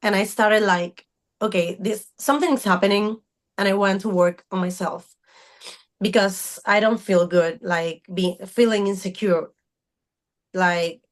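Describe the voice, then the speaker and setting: Speaking a little slowly in a steady, mid-range voice, a thirtysomething woman answers questions as a podcast guest. She works as a fitness coach, and in this casual interview she is earnest, sometimes groping for what to say.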